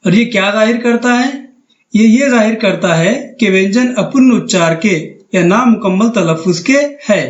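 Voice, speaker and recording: A man's voice: high-pitched, reverberant, highs cut off. A man teaching a grammar lesson over slides, patient and methodical, repeating each term with synonyms.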